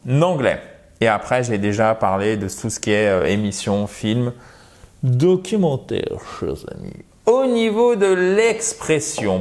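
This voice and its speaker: A man giving a video lesson on English, speaking with energy and emphasis. He talks straight to his viewers as dear friends and carefully demonstrates how English words should sound. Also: mid-range voice. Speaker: English teacher.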